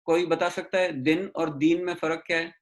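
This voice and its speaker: A man teaching an online class, mixing English into Hindi and slowly drawing out syllables to correct pronunciation. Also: fairly high pitch, fairly even intonation. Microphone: video call.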